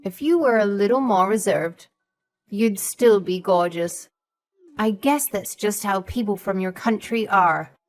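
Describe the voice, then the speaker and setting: At a measured pace and medium pitch, a woman gives a lightly acted turn as a haughty elderly mother-in-law in a scripted audio story. The character is suspicious and scornful, with a sharp, patronizing tone and a habit of saying "sweetheart" and "darling."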